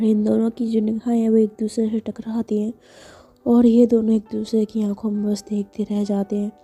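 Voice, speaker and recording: A woman's voice: medium pitch, dark tone, husky. A woman narrating a love story in a chatty way, speaking directly to her listeners.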